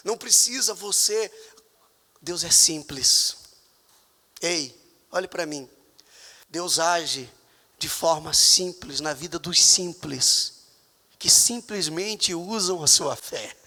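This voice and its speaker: A man with a Brazilian Portuguese accent preaching a sermon as pastor in a church, with emphatic, sudden loud high outbursts. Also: in a large hall. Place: church hall.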